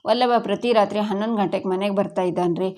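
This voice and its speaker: A woman's voice: medium pitch, steady tone, quick pace, a little mellow, lightly acted. A woman voicing a middle-aged mother-in-law who argues and reproaches her husband. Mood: reproachful. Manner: reproachful, arguing.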